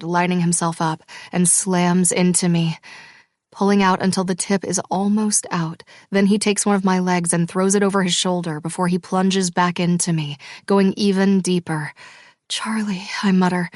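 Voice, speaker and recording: Woman narrating in an even, low voice. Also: dry recording, studio quality. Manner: even, measured reading. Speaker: audiobook narrator. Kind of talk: scripted first-person audiobook narration.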